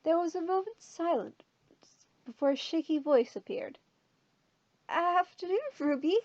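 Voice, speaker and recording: A woman's voice: high-pitched, animated, normal speed, mellow, no room sound. A woman casually reading fanfiction aloud, chatty and stopping to question her own delivery. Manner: chatty, self-questioning, many fillers. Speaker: fanfiction reader. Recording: dull lo-fi sound.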